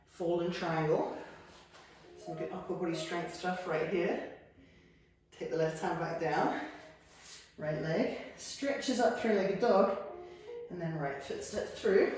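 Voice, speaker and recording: A woman teaching a guided yoga class, cueing each move on the breath in an encouraging way, at times a little out of breath. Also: on the low side. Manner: encouraging, cueing moves on the breath with light laughs. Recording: very echoey room, mic from far off. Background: soft piano music.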